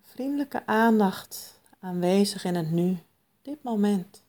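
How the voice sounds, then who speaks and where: A woman guiding a mindfulness meditation in a soft, calm, soothing manner with long pauses. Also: mid-range voice. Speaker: meditation guide.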